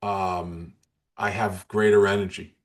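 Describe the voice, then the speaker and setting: A man's voice: low voice, level tone, slow. A man in his sixties, an interview guest telling his story in an earnest, emotional way with frequent restarts. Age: 60s.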